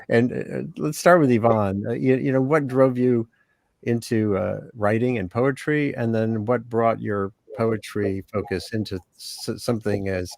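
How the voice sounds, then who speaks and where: A man's voice: lowish voice, vocal fry, no echo. An older man hosting an online panel over a video call, talking casually and hesitantly with many fillers and restarts. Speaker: host.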